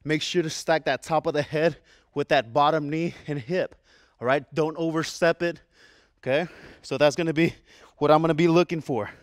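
A young male fitness coach, breathing hard, leads a kettlebell workout and calls out each rep. His voice sits a bit high and comes through smooth and clear. The sound is close and dry, with no room around it. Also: fairly even intonation, normal speed, dry recording. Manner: counts reps aloud with panting sighs. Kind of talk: workout instruction.

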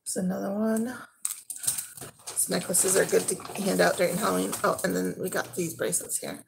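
A vlogger in her thirties, with a lowish, gravelly voice and fairly even intonation, casually walks through her thrift finds in her living room, describing each item in hand. Her pace is unhurried and she trails off as she handles them. There is background noise.

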